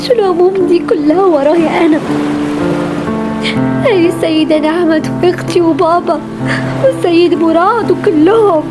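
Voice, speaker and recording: A woman's voice: very high-pitched, moderate pace, long pauses, loud music behind the voice. A young woman playing a burdened, protective older sister who speaks emotionally and tenderly. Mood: distressed. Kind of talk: amateur game drama voice acting.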